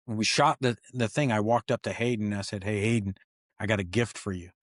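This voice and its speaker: Excited stuntman telling set stories. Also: on the low side, a little fast, dry recording, studio quality. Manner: excited, acts out quoted dialogue. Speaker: stuntman guest. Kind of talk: animated storytelling interview.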